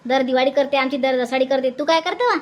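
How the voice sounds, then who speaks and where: A blunt, indignant cartoon sister from a Varhadi Marathi village, voiced by a woman. Her voice is very high and she rushes her complaints out quickly. Faint noise runs underneath. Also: lightly acted. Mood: scolding. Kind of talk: cartoon voice acting.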